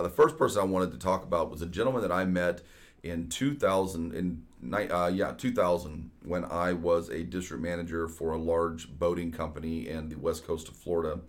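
This real estate podcast host is a man in his 40s whose deep voice carries a casual, chatty show filled with frequent fillers.

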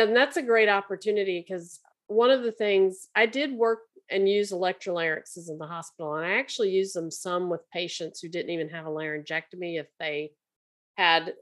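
Podcast host: woman with a lowish voice, easy and encouraging in conversation. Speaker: podcast host, speech pathologist.

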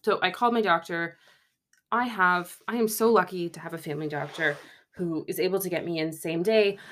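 Chatty, self-mocking woman with a lowish voice. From Canada. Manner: chatty, self-mocking, laughs mid-sentence. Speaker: podcast host. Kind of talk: casual storytelling monologue.

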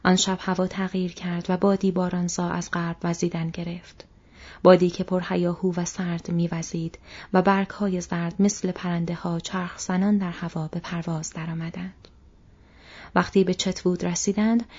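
Soft-spoken husky woman reading aloud. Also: on the low side. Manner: soft, measured and breathy. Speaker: audiobook narrator. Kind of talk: audiobook reading. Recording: dull lo-fi recording.

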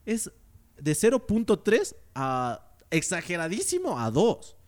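Animated young man, rambling slangy chat. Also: high-pitched, slow pace. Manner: animated, joking, rambling with many restarts and slang. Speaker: podcast co-host. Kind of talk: casual chat. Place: motel room.

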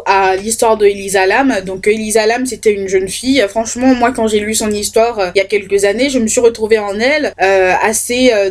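A woman's voice: medium pitch, a little mellow. Hesitant woman telling true-crime stories. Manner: hesitant, many fillers and restarts. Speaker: podcast host. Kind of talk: casual true-crime podcast narration.

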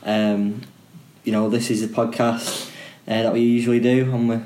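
A man hosting a casual podcast, jokey and quick to laugh. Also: mid-range voice, level tone, heavy background noise. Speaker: podcast host. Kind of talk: casual chat.

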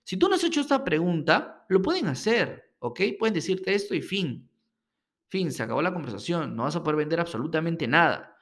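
A man's voice: fairly high pitch, fairly quick. A man teaching sales technique in a solo podcast, talking emphatically and checking in with the listener often. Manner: animated, emphatic, checks in with frequent "ok?". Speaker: sales coach.

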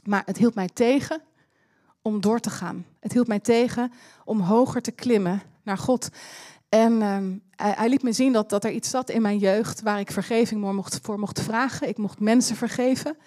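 A woman with a fairly high voice preaching to her church. She tells a personal testimony in a chatty, storytelling way and slips English phrases into her talk. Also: steady tone, normal speed, warm tone. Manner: chatty, laughing asides.

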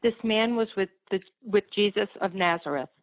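A man's voice: high-pitched, moderate pace, lightly acted. A man reading an accusing servant and crowd voices in a dramatized scripture reading, plain and brief. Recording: tinny phone-line audio.

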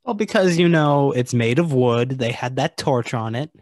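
A man co-hosting a podcast, weighing his points carefully and often stumbling over his first words. His voice sits at an ordinary middle pitch. The sound is dry and close to the mic. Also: lively intonation, normal speed, darkish tone, no echo. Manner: thoughtful, hesitant, stammers at starts. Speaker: podcast co-host. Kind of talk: casual movie discussion.

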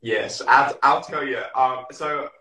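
A man's voice: mid-range voice, slow pace, sharp tone, reverberant, poor audio. A male singer from North Carolina, a guest on a podcast, talking eagerly with lots of fillers. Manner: eager, filler-heavy, friendly. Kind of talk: casual interview chat.

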